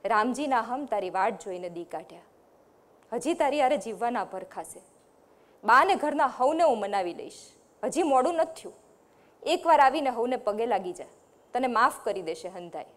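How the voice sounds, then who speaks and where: A woman's voice: on the high side, animated, normal speed, close to an everyday voice. A woman reading aloud from her novel, voicing a wounded village man who pleads with the woman he has waited for. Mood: pleading. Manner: pleading, hurt.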